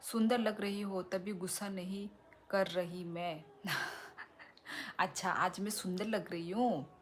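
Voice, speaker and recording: A woman hosting a casual live stream, reading out viewer comments and answering them in an unhurried, teasing way. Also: medium pitch, fairly even intonation, slight background noise.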